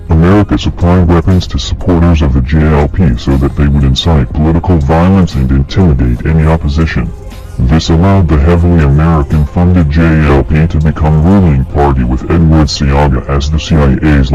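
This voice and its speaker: A man with a disguised, pitched-down deep voice, delivering a grave, accusing scripted address as an anonymous narrator. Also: dark tone. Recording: dull lo-fi audio with faint music.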